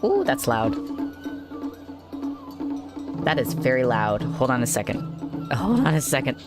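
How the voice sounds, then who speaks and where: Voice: medium pitch, sing-song, moderate pace, over loud music. A young adult streamer giving casual, giggly commentary on a game and reading its text aloud. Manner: giggly, chatty, reacting aloud.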